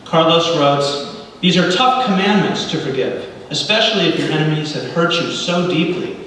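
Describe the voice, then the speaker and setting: Leading a congregational service as guest speaker, this native Spanish-speaking Cuban man in middle age gives a sermon-like talk that includes readings. His voice is fairly high and a bit bright, with lively intonation, and his delivery stays earnest and measured, with pauses between phrases. A distant mic in the big, reverberant hall picks up heavy echo and some light noise.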